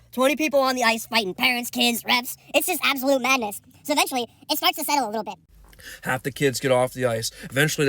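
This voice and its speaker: A hockey coach telling a wild story casually, excitable and animated, tripping over repeated words. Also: male voice, sits high, dry recording.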